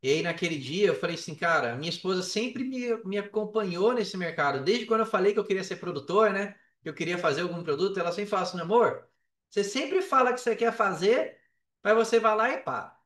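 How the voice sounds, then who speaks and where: A Brazilian affiliate marketer, guesting on a podcast, casually tells personal stories in an interview, speaking with a Brazilian Portuguese accent. He often repeats words and checks in with the listener. His high, slightly bright voice talks fast with lively intonation, recorded far from the mic in an echoey room.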